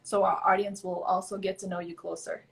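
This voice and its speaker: A woman's voice: medium pitch, little pitch movement, fairly quick, gravelly. A woman hosting a live online interview, friendly and upbeat, chatting casually while waiting for her guest. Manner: friendly, upbeat, fills waiting time with small talk. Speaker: podcast host. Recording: echoey room with faint background noise.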